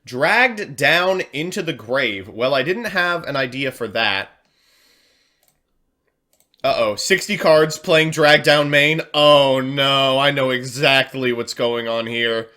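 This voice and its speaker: A man talks casually through a card game on a live stream, reacting loudly to draws and reading chat aloud. His voice sits at an ordinary male pitch, and he laughs easily at his own jokes. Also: takes it slowly.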